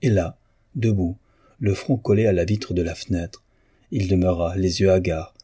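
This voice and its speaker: A man narrating a novel as an audiobook, in a dramatic, measured storytelling manner. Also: low voice, steady tone, mellow, breathy edge.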